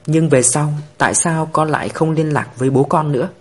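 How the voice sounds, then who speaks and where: A man voicing a patient, firm female police officer, speaking calmly and earnestly. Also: fairly high pitch, a little fast, lightly acted.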